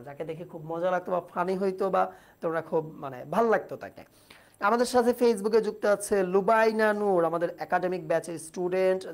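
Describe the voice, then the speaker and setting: A woman's voice: lowish voice, darkish tone. Female tutor for a livestreamed exam-prep class: patient, explains step by step, quizzes students, reads their comments aloud. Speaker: teacher.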